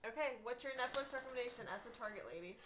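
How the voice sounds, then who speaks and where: A woman's voice: fairly high pitch, rapid-fire, background noise. A young woman from Texas hosting a youth ministry livestream from home, chatting casually and giggling as she tells stories.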